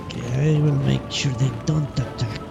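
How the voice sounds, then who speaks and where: Muffled and creaky, a man's medium-pitched voice moves at a moderate pace with fairly even intonation as he streams a video game. His casual live commentary drifts into muttering to himself and occasional swearing, all over loud game music.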